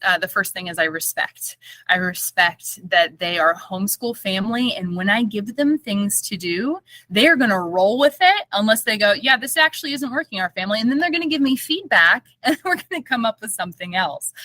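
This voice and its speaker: Woman, speech therapist, casual podcast chat, animated storyteller, bright voice, mid pitch. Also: no room sound, low-quality recording. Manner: animated storytelling with playful acted-out quotes and laughter. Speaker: guest speech-language pathologist.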